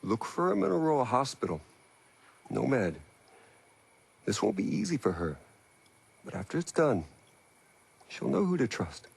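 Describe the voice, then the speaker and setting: An actor playing a calm, persuasive male scientist in video game dialogue. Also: medium pitch, moderate pace, gravelly, pauses often, slightly rough, full character voice.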